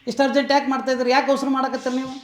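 An actor playing a kind village uncle who firmly scolds the family, with a North Karnataka accent. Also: male voice, high-pitched, expressive, fast talker. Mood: scolding. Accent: North Karnataka Kannada. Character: kind village uncle defending his niece.

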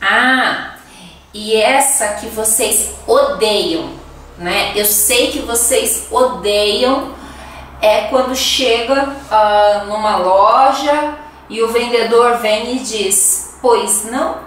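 A woman's voice: a little high, extremely slow, a bit bright. A woman with a Brazilian accent giving a casual language lesson, chatty and laughing often as she acts out example phrases. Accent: Brazilian Portuguese. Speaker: Portuguese teacher. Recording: echoey room, voice from a distance, faint noise.

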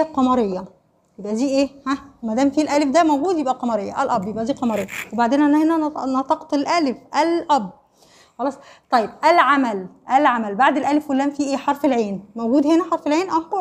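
A woman's voice: sits high, darkish tone. A woman teacher with an Egyptian accent giving an online primary school Arabic lesson, quizzing pupils with questions she answers herself and checking in with short tags. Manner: repeats "خلاص؟" and "ماشي؟" to check understanding.

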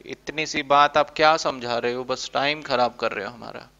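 Teacher playing a cheeky student. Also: male voice, mid-range voice, moderate pace, creaky, bright, forceful tone. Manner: cheeky, impatient. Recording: dull lo-fi recording.

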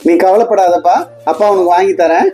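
A man's voice: sits high, steady tone, brisk, dark tone. A man playing a son and husband in a family comedy skit, teasing and pleading by turns.

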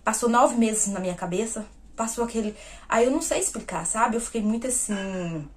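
A woman's voice: on the high side, brisk. A woman vlogger in a casual personal storytelling style. She speaks straight to her viewers and acts out the conversations she retells. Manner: talks straight to viewers as "gente". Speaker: vlogger sharing personal news.

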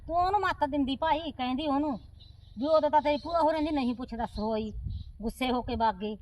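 Casting: woman as an aggrieved, demanding aunt; a high voice and rapid-fire complaints. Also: darkish tone, a little hiss or hum, natural voice, rough recording. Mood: indignant. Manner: complaining, insistent, scolding. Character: sulking offended aunt, quarrelsome and demanding. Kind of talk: amateur comedy short film acting.

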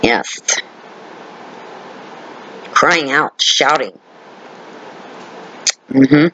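A man's voice: medium pitch, extremely slow, pushed and bright, lo-fi sound, slight background noise. A man leading an informal Bible study, reading scripture aloud and explaining it, repeating key words and checking in with listeners. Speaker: Bible teacher.

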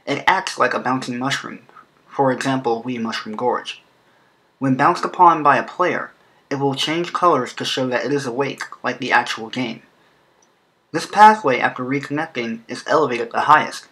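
Guy doing a video explainer voiceover, bright sharp voice, lisp from an underbite, mid pitch. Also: moderate pace, poor audio. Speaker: video creator presenting a fan game track design. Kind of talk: scripted explainer narration.

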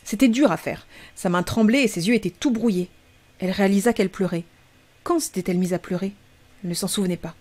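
Woman reading a story aloud. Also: mid-range voice. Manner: measured, steady narration. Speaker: streamer reading stories aloud. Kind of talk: audiobook reading.

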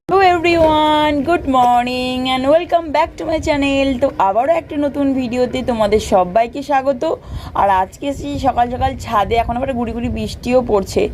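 A young mother with a slightly high voice narrates a casual family vlog to her viewers. She talks in a chatty, easygoing way, turning now and then to coax her little daughter. She is recorded outdoors on a rooftop in light rain with a handheld phone. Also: normal speed, a little mellow, slight background noise. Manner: chatty, talking to viewers while coaxing her small daughter.

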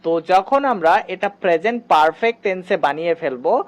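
Online grammar teacher, patient and methodical, slows for examples, keeps telling students to look. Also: medium pitch, expressive. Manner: patient, slows right down to say each English example. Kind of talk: explaining step by step to students.

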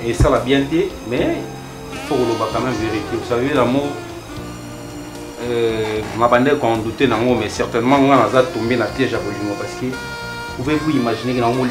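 A man playing a lovesick excitable young man. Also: mid-range voice, moderate pace, natural voice. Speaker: actor in Congolese theatre comedy. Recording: music behind the voice.

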